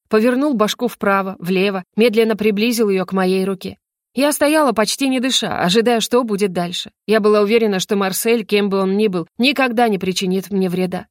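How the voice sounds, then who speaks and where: A woman reading a fantasy novel aloud in first person, in an even, measured way. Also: medium pitch, dry recording, clean studio sound. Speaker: audiobook narrator. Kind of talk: scripted narration.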